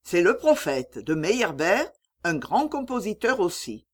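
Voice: medium pitch, very animated, measured pace. A reader voicing a stern, domineering old uncle who gives clipped orders in a read-aloud story. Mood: coaxing.

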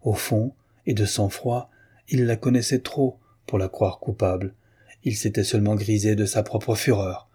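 Low, dark husky male narrator. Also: steady tone. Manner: measured, literary. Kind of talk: audiobook narration of a novel.

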